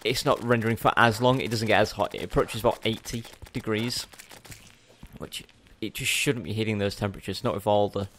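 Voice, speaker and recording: A man's voice: fairly low pitch, steady tone, a little fast, fairly bright tone, a little hiss or hum. A young man giving casual gameplay commentary as a let's play host, chatty and rambling, often correcting himself mid-sentence.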